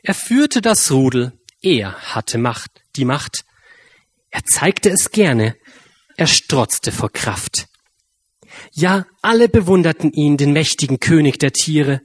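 A man reading a rhyming children's story aloud with a lively, drawn-out delivery. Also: a little high, breathy edge, dry recording.

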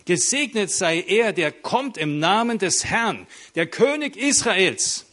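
A man acting out a jubilant crowd chanting a welcome, loud and raised. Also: high voice, sing-song, slow, heavily acted. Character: jubilant shouting crowd of people.

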